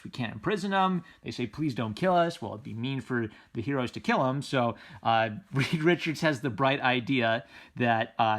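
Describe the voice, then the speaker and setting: A man's voice: medium pitch, fairly bright tone. A man giving casual, unscripted commentary as a comic book reviewer, enthusiastic and rambling, often circling back on his phrases.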